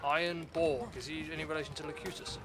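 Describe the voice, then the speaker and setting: A man with a slightly high voice speaks fast over loud music while hosting a casual game livestream, chatting with viewers in an exclamatory way. His livestream mic is clearly noisy, with game sounds and background noise behind him.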